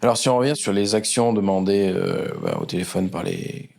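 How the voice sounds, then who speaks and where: A French man hosting a podcast interview, asking questions in a searching, unhurried way between short acknowledgements. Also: on the low side, huge pitch swings, vocal fry, darkish tone. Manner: attentive, brief acknowledgements, slow searching questions. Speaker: podcast host.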